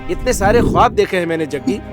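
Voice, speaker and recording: A man's voice: high-pitched, expressive, fast talker, over loud music. A man dubbing a teasing gangster's friend. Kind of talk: Hindi film dub. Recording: dubbed dialogue over loud film score.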